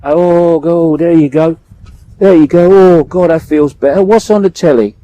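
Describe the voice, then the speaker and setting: A man's voice: a little high, a little slow, mellow, dry recording, dull audio, voice pushed up, lightly acted. A man voicing an imagined grown man in denial who refuses to hear bad news. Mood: smug relief. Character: petulant grown man in denial, covering his ears.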